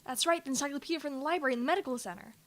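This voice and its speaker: A woman streamer telling an animated story between game lines, laughing often, swearing freely and talking back to her chat. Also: sits high, racing. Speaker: streamer playing a visual novel.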